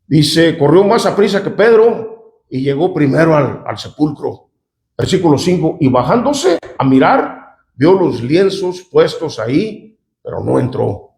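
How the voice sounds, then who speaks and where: Pastor preaching in an echoey room. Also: male voice, fairly high pitch, sing-song, unhurried, gravelly, a little mellow. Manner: conversational, often asks the congregation "¿verdad?" and "¿cuántos dicen amén?". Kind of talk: sermon reading scripture aloud with commentary.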